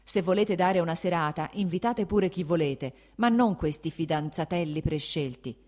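A woman reading an audiobook, voicing an angry, blustering old prince who shouts and scoffs. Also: mid-range voice, animated, normal speed, pitched above the performer's own voice, close to an everyday voice. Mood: angry shouting. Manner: shouting, scornful, mocking.

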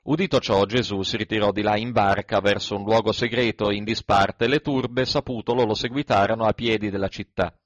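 A man with a fairly low voice reads scripture aloud in a measured, even recitation. The sound is dry and close, with no room around it. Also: no room sound, highs cut off. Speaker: scripture reader.

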